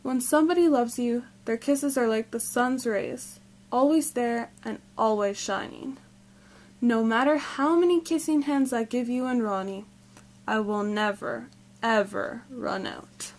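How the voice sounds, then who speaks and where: A loving mother raccoon from a picture book, gentle and comforting, with a warm and motherly way of talking, as a woman reads her aloud. The voice is a little high and soothing throughout. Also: unhurried.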